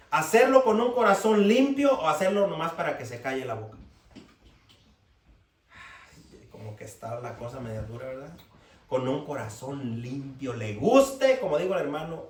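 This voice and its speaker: High-voiced preacher in an echoey church. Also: male voice. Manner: preachy, rhetorical questions to the congregation. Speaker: pastor. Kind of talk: sermon. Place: church hall. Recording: echoey room, mic far off, faint noise.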